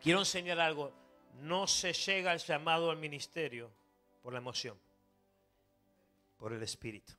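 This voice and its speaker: A man with a Rioplatense accent preaching a sermon to a church congregation, moving between quiet asides and shouted exhortation, joking and coaxing the listeners. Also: fairly high pitch, moderate pace, pauses often, soft background music. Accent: Rioplatense Spanish. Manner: jokes and coaxes the congregation. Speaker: pastor.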